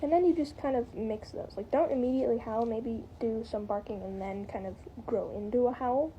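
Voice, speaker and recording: A woman's voice: on the high side, fairly quick, warm tone, lo-fi sound, a little hiss or hum. A woman giving a casual, rambling spoken tutorial, hedging with lots of "like" and "kind of". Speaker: tutorial maker.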